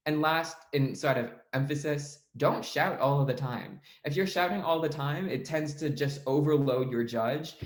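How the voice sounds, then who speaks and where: A man's voice: mid-range voice, reverberant. A young man teaching debate speech delivery in an online lesson, explaining in a casual tone with frequent fillers. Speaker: debate coach.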